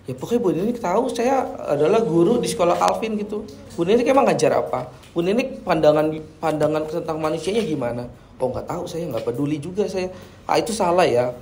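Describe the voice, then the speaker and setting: Chatty male teacher, slightly high voice. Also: slight background noise. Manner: chatty, tag-heavy, asks the class questions. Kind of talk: classroom lesson to students.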